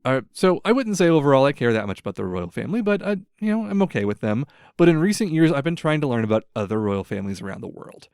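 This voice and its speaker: A young American podcast host chats casually, rambling through stories with plenty of fillers and "like." His mid-range voice swings widely in pitch, runs fast with few pauses, and is creaky, a little mellow, clear and resonant. The recording is dry and studio quality.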